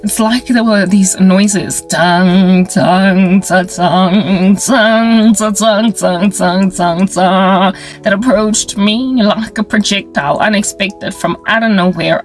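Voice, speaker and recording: Speaking to camera in a mid-range voice, this South African vlogger and ministry creator in her forties delivers a wry, casual monologue. She is playful and animated, peppering her talk with sound effects and local-language phrases.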